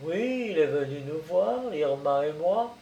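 A man reading the lines of a grieving young daughter in an audiobook, soft and subdued. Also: a little high, expressive, unhurried, a little hiss or hum. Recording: roomy, distant mic.

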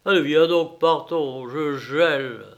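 A man's voice: a little high, takes it slowly. A man voicing a cowardly land surveyor in a storybook reading, blustering and fretful. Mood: anxious. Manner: anxious, fretful muttering.

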